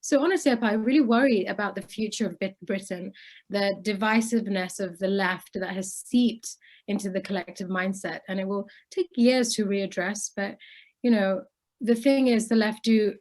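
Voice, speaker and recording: Speaking at a moderate pace, a twenty-something woman from Bangladesh uses a medium-pitched, somewhat mellow voice. She's being interviewed conversationally and voices her opinions with earnestness and clarity.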